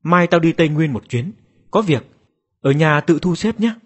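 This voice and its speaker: A man playing a gruff mocking older brother. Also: on the high side, expressive, moderate pace. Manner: mocking, blunt.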